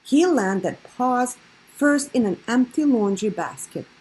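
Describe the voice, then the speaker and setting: A woman reads aloud for children in an expressive storytelling style. Her voice has a husky grain and swings widely in pitch, drawing out key words for drama. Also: slow, poor audio. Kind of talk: expressive read-aloud narration.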